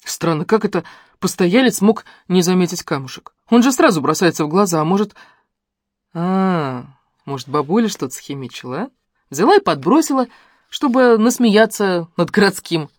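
A woman reads a detective novel aloud with a lower voice that rises and falls animatedly through each sentence. The recording is dry and close, with no room sound. She tells the story expressively. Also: moderate pace, dry recording. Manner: expressive storytelling with lively intonation. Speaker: audiobook narrator. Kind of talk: scripted narration.

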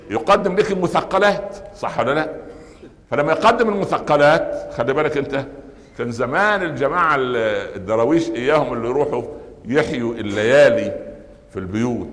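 Animated Egyptian preacher, long hall reverb. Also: male voice, mid-range voice. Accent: Egyptian Arabic. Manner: animated, asks the audience questions and answers himself, joking asides. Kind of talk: lively sermon in Egyptian Arabic.

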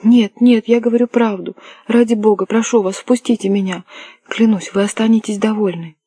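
A frantic young English lady begging for shelter, her voice climbing high and loud, as an audiobook reader puts her on. The tone stays husky and mellow, dry and close. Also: fairly even intonation, moderate pace, no room sound, natural voice. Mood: pleading. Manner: pleading, rising to cries. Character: desperate young English noblewoman fleeing captors. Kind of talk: audiobook character voice.

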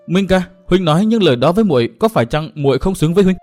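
Guy doing a sulky young swordswoman, hurt and pouty, a bit higher voice. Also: animated, quick pace, a little mellow, faint music behind. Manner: hurt, pouting. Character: sulking young swordswoman, lovesick.

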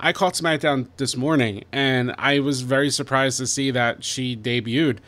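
A man's voice: medium pitch, fairly even intonation, moderate pace, fairly bright tone, no room sound. Easygoing, hesitant man, dry sound. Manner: hesitant, easygoing, filler-heavy. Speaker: podcast co-host. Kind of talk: casual wrestling podcast chat.

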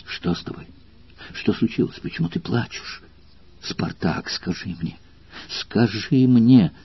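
A man with a husky voice reading the lines of a passionate noble Roman woman in an audiobook, soft and anxious, often near a whisper. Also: lowish voice, animated, normal speed, lo-fi sound.

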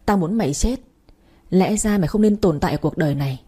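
A woman's voice: lowish voice, fast, mellow, slightly rough. A woman voicing a cruel, scheming female villain who sneers and hisses threats. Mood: sneering.

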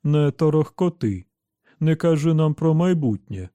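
A self-satisfied robot servant with a prissy, sanctimonious manner speaks slowly, as a man puts him on. The voice is dark and mellow, recorded close and dry like a storybook audiobook. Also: a little high, animated, no room sound, voice pushed up. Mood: aggrieved. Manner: self-satisfied, prim, falsely caring. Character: smug pious male robot servant.

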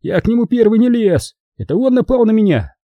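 A man voicing a sly male street robber who whines and protests his innocence in a high voice. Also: animated, a little fast, dry recording, narrow, tinny audio. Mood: whining.

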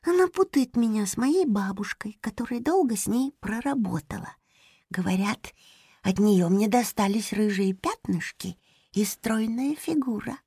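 A woman voicing a small, gentle and patient male hamster who speaks tenderly. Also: high voice, sing-song, measured pace, no room sound, clean studio sound, voice pushed up. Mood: whispering. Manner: soft, tender, as if to a sick person.

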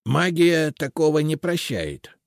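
A man voicing a confident, stern male house spirit who speaks slowly and firmly, in an audiobook. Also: fairly high pitch, creaky, dry recording, clean studio sound, pitched above the performer's own voice, exaggerated voice. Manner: calm, confident, slow and firm.

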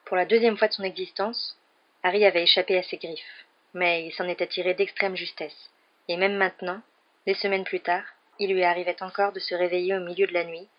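Audiobook narrator, woman, lowish voice, measured, lo-fi sound. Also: level tone. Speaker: audiobook reader. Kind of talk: storybook narration. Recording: dull lo-fi recording.

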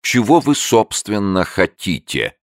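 A man reading an audiobook and voicing a brash young man who shows off his courage, bold and chivalrous, sharp when challenged. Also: lowish voice, sing-song, measured pace, no echo, studio quality, pitched above the performer's own voice.

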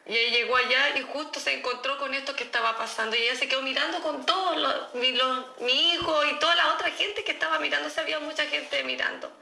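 A woman's voice: high-pitched, animated, fast, vocal fry, few pauses, pushed and bright, roomy sound. A middle-aged woman with a Chilean accent gives an earnest, emphatic personal testimony in an interview, repeating herself as she recounts events. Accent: Chilean Spanish. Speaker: interviewee, mother of an accused teen.

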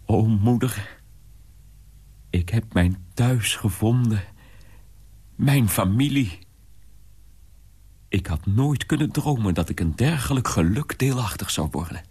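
A man's voice: fairly low pitch, expressive, slow pace, long pauses, a little mellow, breathy edge, full character voice. An actor playing a young son in a radio drama, confiding in his mother in a wondering, often whispered way. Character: young man telling his mother of a strange household.

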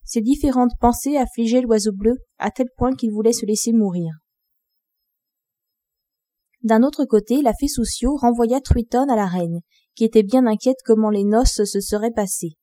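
Mellow woman reading a fairy tale. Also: fairly high pitch, moderate pace, no echo. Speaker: audiobook narrator. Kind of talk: scripted storybook narration.

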